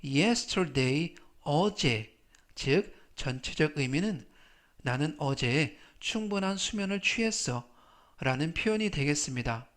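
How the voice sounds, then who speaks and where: A man teaching English vocabulary in Korean in a slow, careful lesson, patiently repeating each word three times. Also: on the high side, lively intonation, a bit bright.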